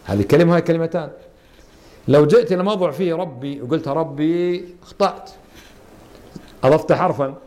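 A man's voice: on the high side, fairly quick, long pauses, a little mellow. A man teaching a Quran interpretation lesson as a religious teacher, quizzing his students and repeating and stressing key words.

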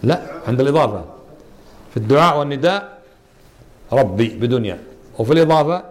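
A man's voice: medium pitch, lively intonation, fast talker. Man teaching a Quran class. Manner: questions students, repeats and stresses words. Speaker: religious teacher. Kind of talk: Quran interpretation lesson.

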